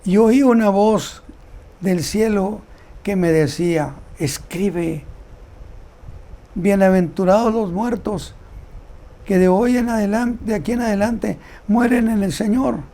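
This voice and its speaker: A man giving a Bible teaching sermon, reading scripture aloud and commenting on it in a slow, deliberate way. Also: high-pitched, dark tone. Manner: slow, deliberate delivery with repeated words. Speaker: preacher.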